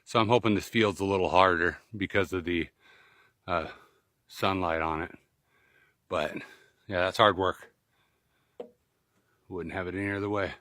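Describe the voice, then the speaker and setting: A man's voice: low-pitched, fairly even intonation, unhurried, long pauses, a bit bright, no echo, studio quality. A man narrating a casual outdoor vlog in short bursts while trudging through snow on snowshoes, winded from the effort. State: winded from exertion. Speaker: outdoor vlogger. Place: outdoors in snowy woods and fields.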